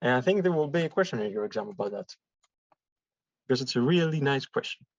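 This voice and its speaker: A man's voice: mid-range voice, expressive, no room sound. A man from Greece, giving a classroom statistics lecture and explaining step by step with examples. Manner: explains slowly with examples and repetition. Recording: dull dry lecture recording.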